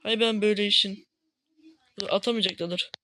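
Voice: mid-range voice, fairly even intonation, fairly quick, background noise. A gaming channel host talking over gameplay at home, often frustrated, exclaiming and grumbling at teammates. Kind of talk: gameplay commentary.

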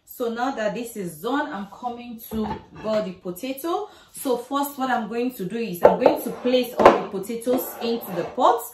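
A woman's voice: on the high side, lively intonation, moderate pace, few pauses. A middle-aged woman casually explaining each cooking step to the camera in her home kitchen, recorded by a camera across the room. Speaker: cooking vlogger. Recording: echoey kitchen, faint noise.

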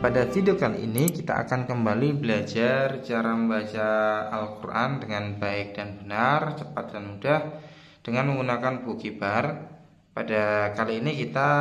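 A man teaching a reading lesson step by step, explaining patiently and chanting the examples in a drawn-out tune. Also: medium pitch, a bit bright.

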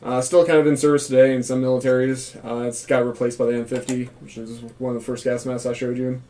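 Flat-toned man reviewing gear. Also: medium pitch, fast, slight background noise. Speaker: gas mask reviewer, former Marine. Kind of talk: casual vlog review. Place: small room indoors.

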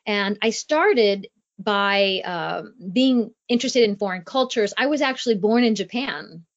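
A woman from Ohio speaking as an author guest in an interview, measured and friendly. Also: medium pitch, animated, highs cut off. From Columbus, Ohio. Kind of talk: interview conversation.

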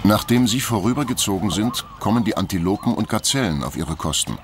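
A man reading scripted nature documentary narration in a measured, factual storytelling manner. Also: fairly low pitch, animated, soft background music.

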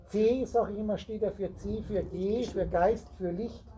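With a high-pitched, mellow voice and a steady tone, a man lectures at a measured pace to a small group in a meeting room as their spiritual teacher. His talk rambles and plays on the roots of words, aimed straight at his listeners, on a rough recording with slight hiss or hum and the group's chatter.

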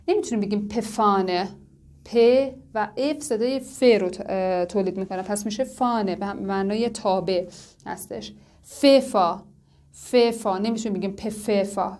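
A woman teaching a language lesson. She says the example words slowly and drawn out, then explains each one at a quicker pace. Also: mid-range voice. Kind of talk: lesson narration.

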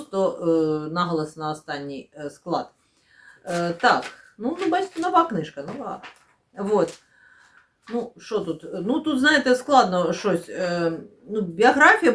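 A woman talking casually about new books, rambling with many fillers and self-corrections, and often dropping into quiet, murmured asides. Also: mid-range voice. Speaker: book vlogger. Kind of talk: casual chatty book unboxing.

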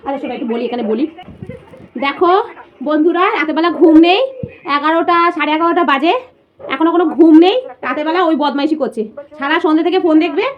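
A woman's voice: high-pitched, fast talker. A young woman playfully coaxing her little son to sleep in a sing-song, cooing, teasing voice at bedtime. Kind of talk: playful baby talk at bedtime. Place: bedroom at night. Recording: dull lo-fi phone audio with background noise.

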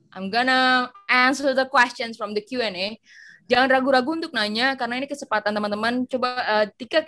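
A woman's voice: fairly high pitch, bright, forceful tone. A young woman tutoring English in a casual online session, switching between two languages and explaining with everyday examples over a video call. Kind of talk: online training session, mixing Indonesian and English.

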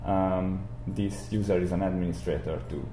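Young male software instructor, low and slightly mellow, halting explanatory delivery, roomy sound with light noise. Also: steady tone. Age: young adult. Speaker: tutorial instructor. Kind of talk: explanatory software screencast lecture. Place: indoor room, speaking beside a screen recording. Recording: roomy echo, audible background noise.

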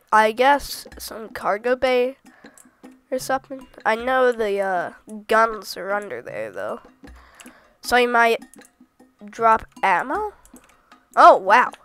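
A woman who is sick with a cold, chatting casually and rambling through gameplay commentary with sudden excited exclamations. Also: on the high side. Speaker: gaming video host.

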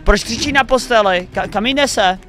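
Young male reaction host, excitable commentary, bright tone. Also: high voice. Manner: excitable, thinking aloud, cheering the players on. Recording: faint music behind the voice.

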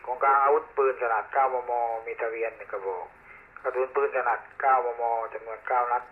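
A man's voice: medium pitch, fairly even intonation, brisk, a little hiss or hum. Man on a tinny walkie-talkie. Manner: clipped, itemized listing of evidence. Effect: heard over a walkie-talkie radio. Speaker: police officer reporting an arrest. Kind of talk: formal radio report.

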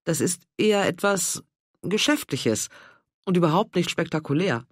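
A man voicing a mild, hesitant woman in her sixties in an audiobook, soft-spoken and a little apologetic. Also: fairly low pitch, lively intonation, moderate pace, no echo, clean studio sound. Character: mild, hesitant older married woman, easily embarrassed. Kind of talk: audiobook character voice.

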